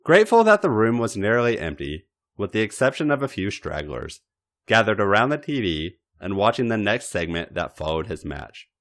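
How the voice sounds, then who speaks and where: The man reading this fan fiction is a podcast host whose voice sits lowish. His storytelling is dramatic and expressive, marked by theatrical stresses and intentional pauses.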